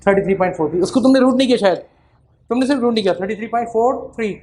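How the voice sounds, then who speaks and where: A maths teacher lectures a class. His voice sits a little high for a man, and he keeps checking in with the students before slowing down to spell out each formula. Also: a little mellow, slight background noise, poor audio. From Pakistan. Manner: questions students constantly, slows down for formulas.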